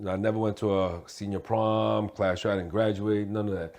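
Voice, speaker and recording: A man's voice: lowish voice, flat delivery, normal speed, darkish tone. A man, a guest talking casually in an interview in a streetwise way, often laughing. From Hong Kong. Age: 40s. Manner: streetwise, laughs while telling stories.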